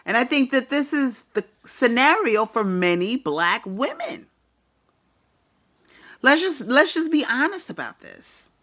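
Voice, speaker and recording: Blunt slow-talking woman gossip vlogger. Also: high-pitched, very animated, fairly bright tone. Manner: blunt, opinionated, profane. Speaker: commentary vlogger. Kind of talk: casual celebrity gossip commentary.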